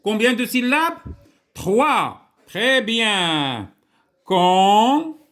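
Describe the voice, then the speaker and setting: A man with a Moroccan accent teaching a writing lesson to young children, slowly repeating words for them to echo. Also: high-pitched, sing-song, a bit bright.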